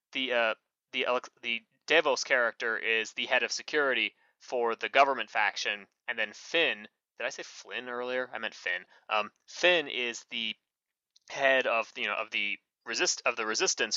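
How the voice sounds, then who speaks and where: A man's voice: mid-range voice, sharp tone, dry recording. A man co-hosting a podcast in casual chat, rambling with many fillers and self-corrections. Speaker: podcast co-host. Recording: muffled lo-fi mic.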